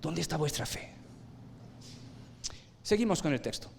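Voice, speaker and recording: A man preaching a sermon, swinging from loud emphatic bursts to low quiet lines and asking his listeners rhetorical questions. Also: lively intonation, a little slow, creaky, slight background noise.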